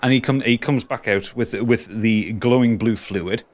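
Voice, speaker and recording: A man running a tabletop game as game master, improvising narration in a halting way and repeating himself. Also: mid-range voice.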